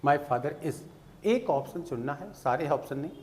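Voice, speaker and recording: A man teaching spoken English, explaining slowly and patiently and checking that students follow. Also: fairly high pitch, expressive, slight background noise. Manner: slow, patient explaining with checks like "theek hai?".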